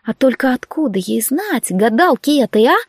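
A woman voicing a naive, excitable young servant girl who chatters breathlessly and pleads. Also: high voice, moderate pace, breathy edge, dry recording, studio quality, heavily acted. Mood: eager pleading.

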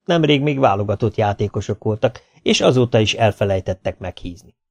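A man reading a first-person humorous memoir as an audiobook, lively and expressive. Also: fairly low pitch, vocal fry. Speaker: audiobook reader. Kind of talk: scripted first-person narration.

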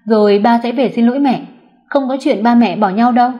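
A woman reading the lines of a young husband who is gentle but hurt and has turned cold, in a storybook reading. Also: on the high side, fairly quick, lightly acted. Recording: dull lo-fi recording.

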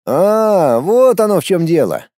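A man's voice: high voice, very animated, moderate pace, dark tone, no echo, clean studio sound, pitched above the performer's own voice. A man voicing a smug, nosy young man who thinks he knows all about women, talking with sarcastic, insistent teasing. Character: smug, nosy young man, self-styled ladies' expert.

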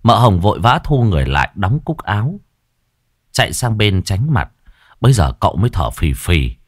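A man narrating a dramatized ghost story in a low voice that swings widely in pitch. His telling is lively and expressive, recorded close and dry with no room sound. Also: no room sound.

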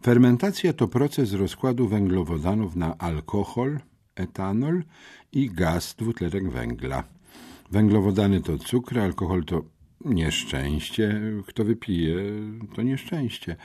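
A man reading a first-person story aloud as an audiobook narrator, in an expressive, theatrical way. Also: sits low, measured pace, husky. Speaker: audiobook reader.

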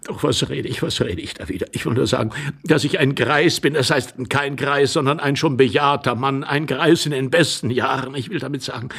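A man voicing a rambling, apologetic jealous husband who fawns over a lady, with a husky voice. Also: mid-range voice, a little fast, a bit bright, voice pushed up. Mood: flustered, fawning. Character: flustered jealous husband, a rambling, fawning middle-aged man.

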